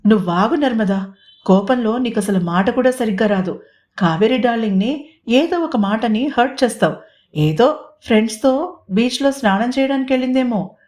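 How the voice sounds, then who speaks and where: A woman's voice: on the high side, expressive, moderate pace, a little mellow, close to an everyday voice. A woman voicing a teasing, scheming young man who slips English phrases into his talk, in a storybook reading. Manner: playful, mixes English phrases.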